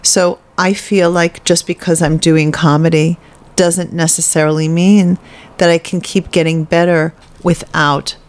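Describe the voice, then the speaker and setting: Brief: woman comic being interviewed, low pitch, candid and chatty. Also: flat delivery, measured pace, clean tone. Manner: chatty, candid, with frequent fillers. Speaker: guest, stand-up comedian. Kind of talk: casual interview conversation.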